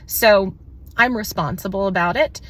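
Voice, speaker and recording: A woman talking casually to the camera in a vlog, out of breath and shaky, her words a little slow and slurred, candid and chatty with fillers. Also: mid-range voice, a bit bright. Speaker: vlogger.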